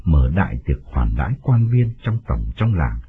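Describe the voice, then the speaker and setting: A man narrating an audiobook story with expressive delivery, recorded with a tinny phone-like sound and faint music behind. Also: a bass voice, normal speed.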